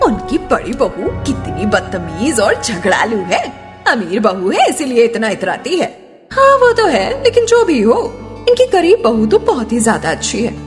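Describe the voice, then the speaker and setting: A woman voicing gossipy, catty neighbourhood housewives who taunt and judge in an animated family story. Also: a little high, moderate pace. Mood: disapproving gossip. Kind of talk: Hindi animated moral-story acting. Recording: long reverb, loud background music.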